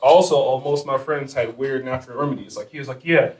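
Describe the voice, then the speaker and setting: A man's voice: medium pitch, fairly even intonation, quick pace, darkish tone. A young man performing a stand-up comedy set, loose and chatty with lots of asides. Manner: loose, conversational delivery with frequent asides. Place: live club stage with audience. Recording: roomy live venue, mic heard from a distance, crowd laughter.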